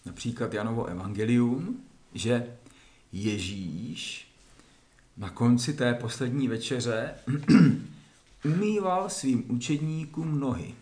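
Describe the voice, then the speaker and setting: A man giving a spoken lecture that explains religious texts step by step, often pausing to clear his throat. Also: mid-range voice, animated, darkish tone. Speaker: lecturer on esoteric Christianity. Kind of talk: spoken lecture with Bible reading. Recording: roomy echo.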